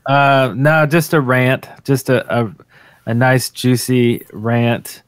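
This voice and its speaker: A man's voice: medium pitch, fairly even intonation, takes it slowly, clean tone, no room sound. A man co-hosting a podcast in casual chat, laid-back and joking. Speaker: podcast co-host.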